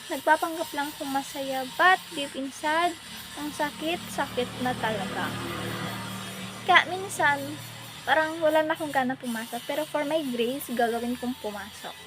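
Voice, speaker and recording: A woman's voice: sits high, moderate pace, music in the background. A young woman talking casually and emotionally to her vlog viewers, rambling with many fillers. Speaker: vlogger. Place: home, hot and alone.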